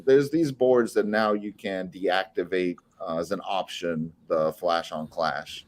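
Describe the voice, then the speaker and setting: A man's voice: low-pitched, measured pace. A young man from Costa Rica, a flow artist and saber maker, talking casually in a podcast interview with restarts and laughs. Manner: relaxed, rambling with restarts and laughs.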